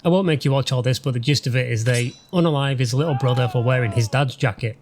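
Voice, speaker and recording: Over gameplay footage, a British man who hosts a gaming channel delivers let's-play commentary laced with sarcasm and dry mockery. He talks fast in a mid-range, slightly mellow voice, with slight background noise.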